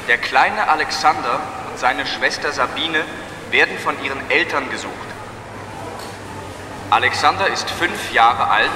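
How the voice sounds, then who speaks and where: Male PA announcer, formal and unhurried, fairly high voice, echoing far-off hall sound. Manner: formal, measured, repeats numbers slowly. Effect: over a PA system. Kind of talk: public announcement. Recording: echoey hall from far off, noisy.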